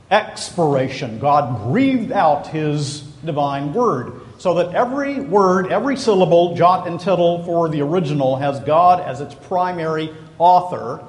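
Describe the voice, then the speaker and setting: A man preaching a sermon, stressing key words by repeating them slowly. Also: on the high side. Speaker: pastor. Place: church sanctuary. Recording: echoey church hall.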